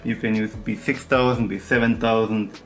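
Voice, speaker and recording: A man with a thick foreign accent, a non-native English speaker, narrating a hands-on tutorial in simple, halting phrases as he searches for words. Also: lowish voice, steady tone, soft background music. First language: not English. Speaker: repair tutorial host.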